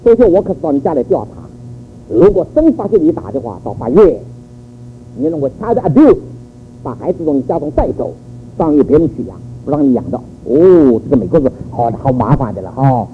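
A man's voice: fairly high pitch, sing-song, brisk, faint music behind. An older man giving a church sermon on raising children, telling stories animatedly and tossing in rhetorical questions. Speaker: church speaker. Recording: phone-like narrow audio with faint noise.

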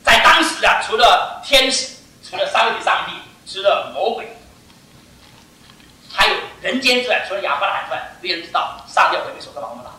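An older man preaching a sermon to his church, emphatic and animated, pressing each point home with "I tell you.". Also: high-pitched, a little fast. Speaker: pastor. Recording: echoey hall, mic far off.

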